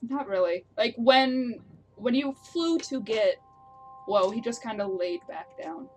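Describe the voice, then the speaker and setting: A woman narrating a tabletop game as game master, in a casual, relaxed way. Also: on the high side, unhurried, faint music behind.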